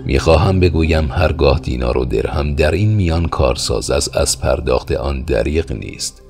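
A man's voice: very deep voice, lively intonation, vocal fry, a little mellow, faint music behind, full character voice. A man voicing a polite, earnest young male traveler in an audiobook.

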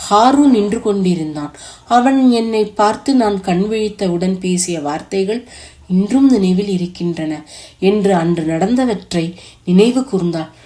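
A woman reading a romance novel aloud as an audiobook, in steady storytelling narration. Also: medium pitch, normal speed.

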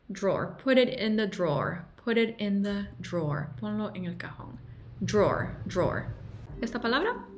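A woman teaching pronunciation, repeating each word slowly and carefully as a language teacher. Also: medium pitch. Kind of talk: pronunciation lesson.

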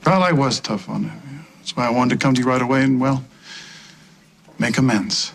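A man's voice: medium pitch, fairly quick, vocal fry, a bit bright, a little hiss or hum. An actor playing a middle-aged father in a daytime soap, hesitant and placating as he tries to make amends. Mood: earnest.

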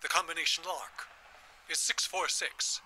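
A man's voice: on the high side, steady tone, a little slow, sharp tone, a little hiss or hum. An actor playing a frantic, secretive old grandfather who stammers and pleads urgently. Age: older. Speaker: grandfather on a payphone.

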